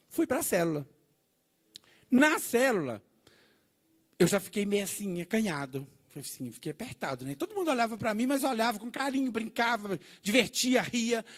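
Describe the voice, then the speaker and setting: A middle-aged man preaches his testimony to a church congregation. His voice sits high and swings widely as he tells the story with animation, acting out the dialogue and checking in with the listeners. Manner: addresses the congregation with "né" and "gente". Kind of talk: testimony sermon.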